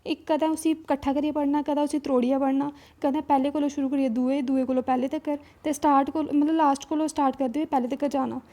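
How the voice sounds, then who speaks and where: A woman with a Dogri accent teaching an exam-prep lesson in a high, mellow voice. She explains step by step, often stopping to check in and restarting her sentences. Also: little pitch movement, quick pace, hardly any pauses.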